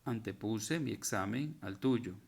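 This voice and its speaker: A man with a lowish, gravelly, husky voice delivers a recorded grammar lesson a little slowly. Patiently handling each verb form in turn, he pauses to correct typos as well as his own slips.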